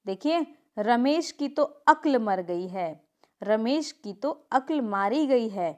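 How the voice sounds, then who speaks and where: A woman teaching a grammar lesson, reading example sentences and correcting them with quick asides. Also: on the high side, animated.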